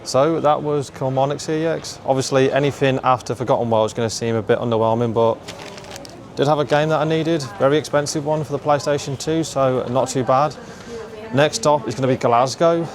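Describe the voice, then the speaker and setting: A man's voice: medium pitch, brisk, slight background noise. Worn-out male game collector vlogging. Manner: chatty, tired, self-deprecating. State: worn out from driving. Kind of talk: casual travel vlog.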